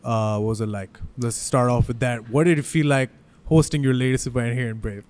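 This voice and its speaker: A man's voice: medium pitch, steady tone, brisk, darkish tone. A man interviewing casually and enthusiastically, switching between English and Hindi-Urdu phrases. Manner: enthusiastic, informal, swears.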